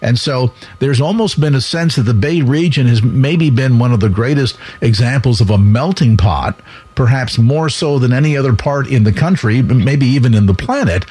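A man hosting a radio talk show, asking long, measured interview questions. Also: mid-range voice, darkish tone, breathy edge.

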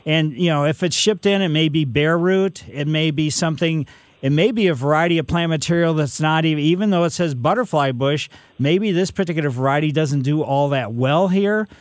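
Brief: man in his sixties, radio gardening host, slightly high voice, dry studio sound, folksy and rambling. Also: a little fast, no room sound. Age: 60s. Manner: folksy, rambling, full of "you know". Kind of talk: call-in radio advice.

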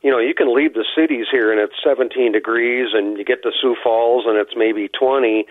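A man's voice: mid-range voice, steady tone, fairly quick, no echo. A man joining a radio show as the outdoors guest, a little winded and rambling with lots of fillers. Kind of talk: casual radio chat. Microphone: phone line. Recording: tinny phone line, dry.

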